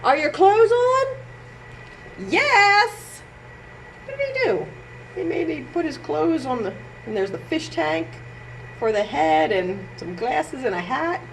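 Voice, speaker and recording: Here a woman with a high, gravelly voice speaks slowly during a library read-aloud and sing-along for kids. She addresses the young audience directly in a playful, animated way, and the recording is poor-quality and noisy.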